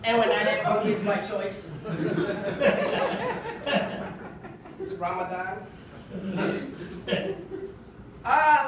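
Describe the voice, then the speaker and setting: A young man from Kenya performing a stand-up routine in a small comedy club, with a wry, conversational delivery and deadpan punchlines. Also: high voice, noisy background. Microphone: handheld mic, filmed from far in the audience. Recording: echoey club from far off with audience laughter.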